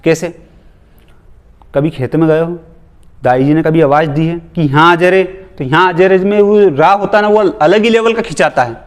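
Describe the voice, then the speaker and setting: A man's voice: fairly high pitch, moderate pace. Joking, teasing male grammar teacher. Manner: joking asides, teasing students, rhetorical questions. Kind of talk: casual exam-prep lecture.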